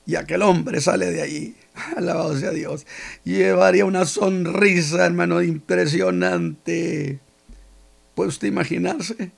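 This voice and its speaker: A man preaching a sermon and swinging from hushed asides to loud proclamations. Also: high-pitched, fairly even intonation, a little slow, creaky.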